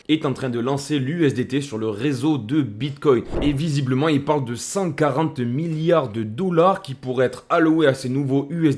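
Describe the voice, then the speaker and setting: A man's voice: mid-range voice, a little mellow. Guy doing a crypto chat, super chummy, calls you buddy the whole time. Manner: chummy, addresses viewer as "mon gros". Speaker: crypto video host. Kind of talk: casual market commentary.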